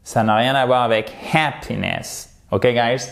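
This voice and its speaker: A man's voice: medium pitch, little pitch movement, moderate pace. A French man teaching English pronunciation in a video lesson, with a French accent. He drills words patiently and has learners repeat after him.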